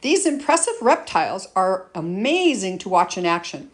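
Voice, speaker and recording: A woman's voice: medium pitch, sing-song, normal speed. Woman narrating an educational nature-documentary style lesson. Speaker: teacher presenting an educational lesson. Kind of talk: scripted educational narration with casual asides.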